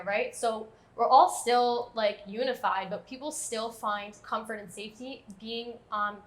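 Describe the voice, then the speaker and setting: Chatty woman, twenty-five, somewhat high voice, checks in with listeners as she argues. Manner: chatty, tags points with "right?". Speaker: panelist. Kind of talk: casual discussion.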